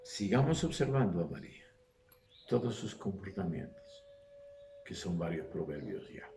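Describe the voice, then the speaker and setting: Animated preacher man, echoey room. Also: low-pitched, unhurried, slight background noise. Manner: animated, acts out voices, rhetorical questions. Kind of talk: sermon.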